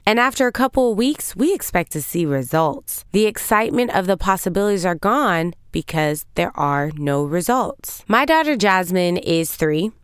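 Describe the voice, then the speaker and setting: A woman's voice: fairly low pitch, animated, moderate pace, hardly any pauses, clear, resonant tone, dry recording, clean studio sound. A woman in her thirties hosting a podcast as a business coach, giving motivational talk full of rhetorical questions.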